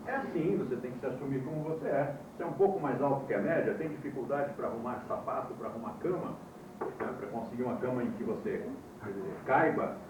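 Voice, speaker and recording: Man, brazilian portuguese accent, classroom lecture, old vhs tape, very echoey room, distant mic, hiss. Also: mid-range voice. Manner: explanatory, spells out terms slowly. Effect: old VHS tape recording. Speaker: yoga teacher.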